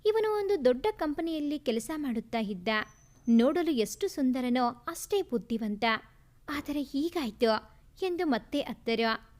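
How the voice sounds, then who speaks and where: A woman narrating a family story in an expressive, lyrical way. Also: sits high, unhurried.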